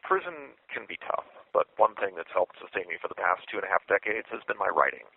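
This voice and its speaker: A man in his forties hosting a podcast from prison over a payphone call, speaking in a measured, thoughtful, reflective way. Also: sits low, expressive, vocal fry, breathy edge, no room sound. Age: 40s. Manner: measured, thoughtful, deliberate delivery. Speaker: podcast host and imprisoned writer. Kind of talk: reflective spoken essay. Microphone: phone handset. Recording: tinny dry phone line.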